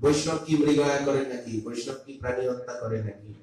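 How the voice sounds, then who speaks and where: An older man giving a Vaishnava sermon on scripture, slow and emphatic, dropping from loud to soft, sometimes chanting Sanskrit verses. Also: medium pitch. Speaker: Vaishnava preacher. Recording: echoey hall, voice from a distance, faint hum.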